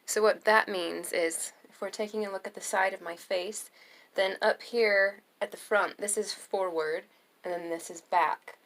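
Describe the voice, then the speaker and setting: A young adult woman giving a singing lesson, explaining slowly and calmly between sung demonstration notes. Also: medium pitch. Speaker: singing teacher.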